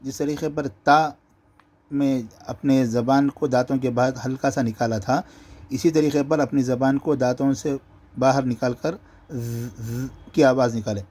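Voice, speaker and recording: A man teaching Quran reading, explaining letter pronunciation and drawing out each letter slowly to demonstrate. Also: mid-range voice, steady tone, a little mellow. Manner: slow, drawn-out letter demonstrations between explanations.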